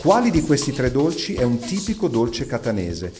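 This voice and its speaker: A man's voice: mid-range voice, wildly swooping pitch, moderate pace. Radio quiz host, man. Chatty, playful, swooping delivery over faint music. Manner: teasing, encouraging, chatty. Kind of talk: playful live quiz interview.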